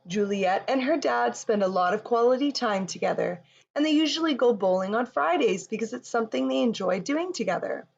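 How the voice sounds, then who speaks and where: She's Canadian, with a fairly high, gravelly, darkish voice that's expressive and fairly quick, and the audio sounds dull. Reading a picture book and guiding children through yoga with easy, supportive instructions, she's recorded in an echoey room on a distant mic with background noise.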